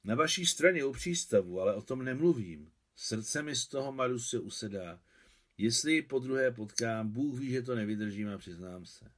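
A man's voice: mid-range voice, animated, a bit bright. A man reading aloud and voicing an earnest, brooding old war veteran. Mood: anguished. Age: older. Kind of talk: audiobook reading.

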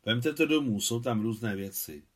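A man voicing a quiet, grave, aging Soviet lieutenant colonel who speaks earnestly and with restraint. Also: medium pitch, breathy edge, natural voice.

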